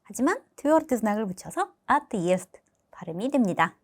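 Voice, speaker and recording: A woman teaching a language lesson, patiently explaining rules and repeating each example word slowly. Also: a little high, sing-song.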